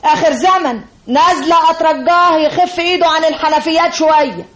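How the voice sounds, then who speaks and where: An actress voices an irate landlady with an Egyptian accent, bossing people around in a very high, shrill voice. She talks quickly and sounds roomy, like old film sound. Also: steady tone, lightly acted. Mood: angry. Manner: indignant, commanding. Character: irate middle-aged landlady.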